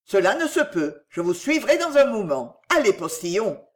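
A woman reading the part of an agitated, jealous young gentleman, tense and commanding in manner. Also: medium pitch, very animated, moderate pace, close to an everyday voice.

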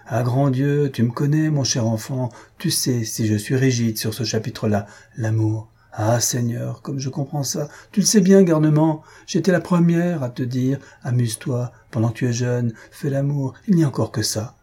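A man voicing an excitable, bossy old spinster aunt who scolds in shrill outbursts, in a storybook reading. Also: a little fast, breathy edge. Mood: playful.

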